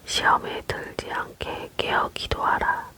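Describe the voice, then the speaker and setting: Close, bright whispered ASMR scripture reading. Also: measured pace. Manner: whispering close to the mic, fully unvoiced. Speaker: reader of scripture. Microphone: close microphone.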